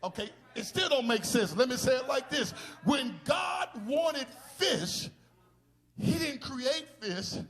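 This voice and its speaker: A man a sermon as a bishop, shouting in bursts and calling out to the congregation for responses. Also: very high-pitched, expressive, takes it slowly. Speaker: bishop preaching. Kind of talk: charismatic sermon.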